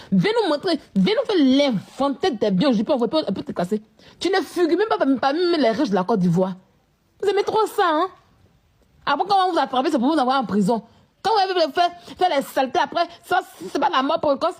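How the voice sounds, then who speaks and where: Woman vlogger, high-pitched, confrontational rant. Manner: scolding, repetitive, confrontational. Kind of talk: live-stream rant.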